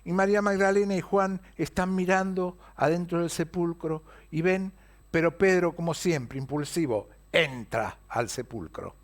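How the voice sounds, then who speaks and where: A man with a Rioplatense Spanish accent preaching an Easter sermon, retelling a story and asking the congregation rhetorical questions. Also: a little high. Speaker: pastor.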